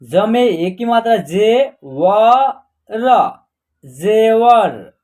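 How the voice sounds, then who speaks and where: A man gives an online Hindi lesson, slowly and patiently sounding out letters and words one at a time and repeating each. His voice is high-pitched, expressive and a little mellow.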